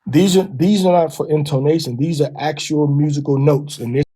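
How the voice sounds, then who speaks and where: Mellow, husky man sounding out syllables. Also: on the high side, fairly even intonation, low-quality recording. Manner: sounds out syllables slowly and repeats them. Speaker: teacher of a language lesson. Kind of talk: teaching from a text.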